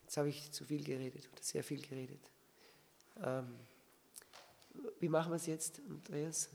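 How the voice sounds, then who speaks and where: A man's voice: a little high, fairly even intonation, normal speed, gravelly, darkish tone, a little hiss or hum. A man giving a church teaching, often asking his listeners rhetorical questions. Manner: asks the audience rhetorical questions. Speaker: preacher. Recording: reverberant hall.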